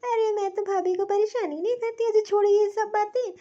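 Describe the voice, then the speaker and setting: A woman's voice: very high voice, fairly even intonation, a little fast, mellow. A woman voicing a selfish young sister-in-law in a cartoon, dismissive and grumbling to herself. The recording is dull and lo-fi. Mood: evasive. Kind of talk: cartoon voice acting.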